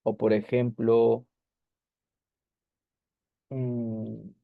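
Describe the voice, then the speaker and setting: A man's voice: medium pitch, little pitch movement, extremely slow, vocal fry, dry recording. A male teacher explaining grammar rules, often checking whether the class follows and correcting himself, on a dull lo-fi recording. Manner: explanatory, with frequent checking questions and self-corrections. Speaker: language teacher.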